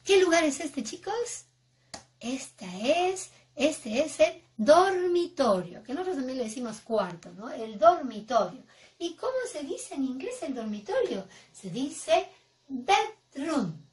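A young woman teaching English words to small children, with an exaggerated, expressive sing-song delivery. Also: high voice, slow pace. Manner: exaggerated, expressive, acting out emotions for kids.

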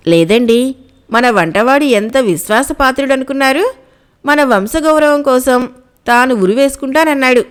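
Woman reading cunning landlord's wife, coaxing, high voice, storybook. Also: normal speed, clean tone, lightly acted. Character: scheming zamindar's wife, middle-aged woman.

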